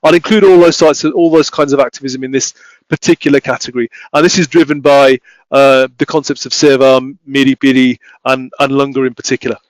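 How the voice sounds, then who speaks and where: A man giving an academic talk, speaking haltingly with many restarts and fillers. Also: medium pitch, fairly even intonation, no room sound, rough recording. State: voice failing, coughing. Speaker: academic researcher presenting.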